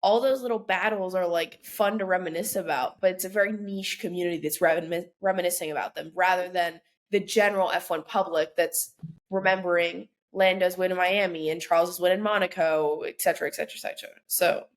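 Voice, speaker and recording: A woman's voice: on the low side, steady tone. A young woman co-hosting a casual podcast, chatty and opinionated, with lots of "like" fillers. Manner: chatty, full of "like" fillers, quick to vent. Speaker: podcast co-host. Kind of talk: casual chat.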